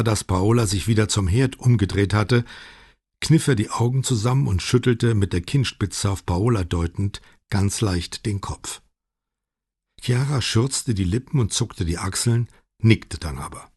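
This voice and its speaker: A man reading a novel aloud in measured, even scripted narration. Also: fairly low pitch, breathy edge, no room sound, clean studio sound. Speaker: audiobook narrator.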